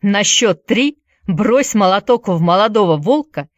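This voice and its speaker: A woman's voice: mid-range voice, animated, unhurried, no echo, studio quality, lightly acted. A woman voicing a bold boy who gives curt orders to his friends. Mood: commanding. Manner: curt, commanding. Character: bold commanding boy leader.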